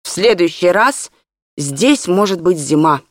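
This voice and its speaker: An audiobook reader voicing a lively, playful young girl. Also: medium pitch, moderate pace, no echo, studio quality, natural voice.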